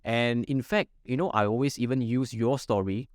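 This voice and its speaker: A man's voice: mid-range voice, moderate pace, a little mellow, no room sound, studio quality. A man speaks as a podcast guest in casual interview talk, earnest and encouraging. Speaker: podcast guest, marketing boss.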